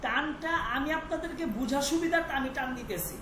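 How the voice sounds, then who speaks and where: A woman's voice: high-pitched, brisk, fairly bright tone, echoey room, slight background noise, rough recording. A woman teaching Persian pronunciation in an online class, patiently repeating sounds and checking that students follow.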